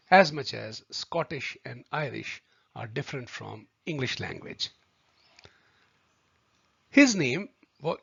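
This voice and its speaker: Gravelly husky man giving a lesson. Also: medium pitch, a bit bright, no echo. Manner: deliberate, addresses viewers as friends. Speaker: homeopathy tutor. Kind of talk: explanatory video lesson. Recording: dry, slightly muffled recording.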